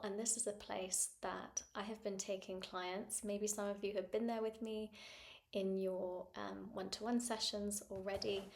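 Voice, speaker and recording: A middle-aged woman guiding a meditation, speaking gently with a slightly gravelly texture. Her delivery stays unhurried and soothing. She sometimes falls to a near-whisper as she leads the breathing. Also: mid-range voice. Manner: soft and gentle, slipping into whispers. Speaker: meditation guide. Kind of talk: guided meditation.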